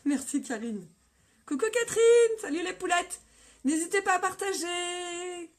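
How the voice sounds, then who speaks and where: A woman with a slightly hoarse voice hosting a casual live-stream makeup tutorial on her phone, upbeat and greeting viewers by name. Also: very high-pitched, animated, a little slow, fairly bright tone.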